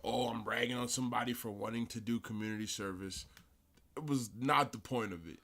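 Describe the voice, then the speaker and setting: A young man chatting casually as a podcast cohost, an athlete telling stories with lots of fillers and easy laughter. His pitch sits in the middle of the male range. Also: fairly quick. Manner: animated storytelling, many fillers, laughs often. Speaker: podcast cohost, pro football player.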